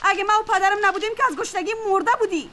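A woman playing a spoiled, hostile boss's daughter. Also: background noise. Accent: Afghan Dari. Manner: shrill, insulting, shouting.

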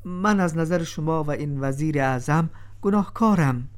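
A man's voice: on the high side, lightly acted. A man voicing a clever, composed slave pleading his case before a king in a told story. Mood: calm, reasoning. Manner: composed, cool-headed pleading. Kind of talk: storybook drama reading.

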